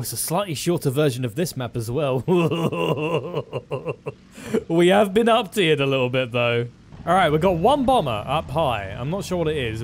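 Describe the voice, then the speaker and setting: High-voiced giggly man gaming. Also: slight background noise. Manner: giggly, breaks into frequent laughter. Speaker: gaming commentator. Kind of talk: gameplay commentary.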